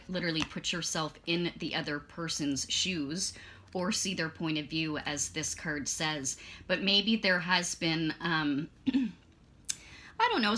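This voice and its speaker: This woman reads tarot and oracle cards in a casual spoken session, her fairly low, bright voice forceful but strained and fading as she loses it. She clears her throat now and then and chats along meanderingly, with lots of fillers and corrections of herself.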